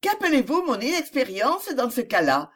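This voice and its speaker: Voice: mid-range voice, very animated, unhurried. The reader voicing a proud, wounded young woman who protests with impassioned questions in a novel reading. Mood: indignant. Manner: impassioned, rising pleading questions. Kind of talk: audiobook character reading.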